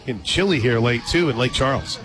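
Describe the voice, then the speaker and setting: In a low-quality recording, a man with a mid-range voice calls the game animatedly and fairly quickly on live radio, adding chatty asides. The outdoor ballpark booth lets a loud crowd and music bleed in behind him.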